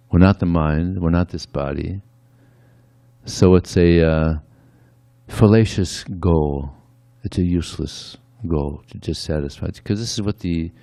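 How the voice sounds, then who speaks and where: With a low, dark voice captured in a dry recording, a temple speaker delivers a devotional sermon in a conversational style. He frequently slips in "yeah" as an aside between points.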